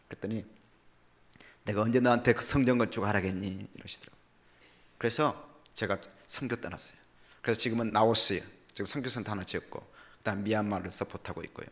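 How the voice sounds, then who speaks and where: Older male missionary preacher; bright, forceful voice, jokey storytelling sermon with big dynamic swings. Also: on the low side. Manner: animated and humorous, voice swinging from loud to quiet. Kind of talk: sermon with personal stories.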